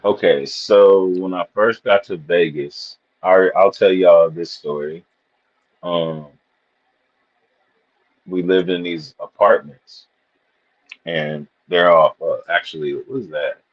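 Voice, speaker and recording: A man's voice: low voice, slow, pauses often. A man from Missouri talking in a casual live panel chat, rambling and loose as he tells stories. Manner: rambling storyteller, loose and profane. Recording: dull lo-fi stream audio.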